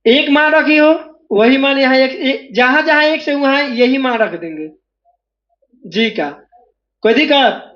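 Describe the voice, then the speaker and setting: A maths teacher with a strikingly high-pitched voice runs his class, drilling students to call out each step aloud. He sounds like he is in a classroom. The recording is dull and lo-fi. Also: unhurried, pauses often, a bit bright. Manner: drills students, asking them again and again to answer aloud. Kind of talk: classroom lecture.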